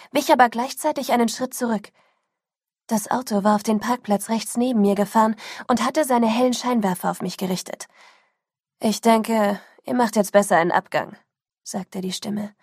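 A woman reading a first-person story as audiobook narration, sinking into a hushed whisper at tense moments. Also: a little high, slightly rough, no room sound, studio quality.

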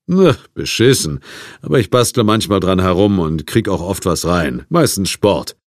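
A man's voice: deep voice, big pitch swings, normal speed, dry recording, studio quality, full character voice. A man voicing a nervous, scruffy middle-aged drifter who hesitates and stammers with fillers, in an audiobook. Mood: casual. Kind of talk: audiobook character voice.

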